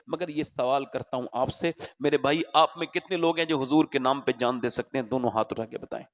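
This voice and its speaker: A male preacher giving an impassioned sermon at a religious gathering, telling stories dramatically. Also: fairly high pitch.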